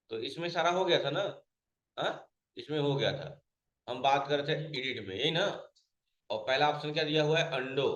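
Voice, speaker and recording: A man runs a computer class at a mid pitch, neither high nor low. He keeps putting questions to his students and then answers them himself, repeating each key point. The room around him is echoey. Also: fairly bright tone, dull audio. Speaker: computer teacher. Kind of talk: classroom lesson.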